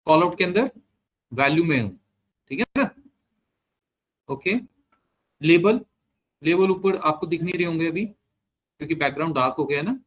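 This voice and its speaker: A man giving a step-by-step screen-share software lesson, mixing Hindi with English terms and often checking in with the learner. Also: a little high, moderate pace, long pauses. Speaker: software trainer.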